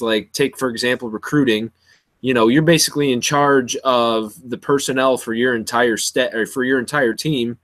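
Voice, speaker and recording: A young man co-hosting a casual football chat, giving firm opinions and dropping dry jokes. His voice sits at an ordinary middle pitch. The recording is close and dry. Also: a bit bright, no room sound. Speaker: co-host.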